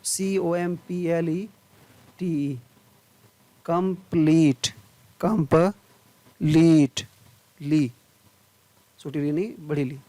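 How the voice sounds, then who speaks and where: A male English teacher goes letter by letter and stretches each sound, slow and deliberate. His voice sits a little high for a man. The recording is dry and close, with no room echo. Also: fairly even intonation, mellow. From India. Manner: spells words letter by letter, then stretches each sound slowly; asks questions then answers them himself. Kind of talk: spelling-out pronunciation lesson.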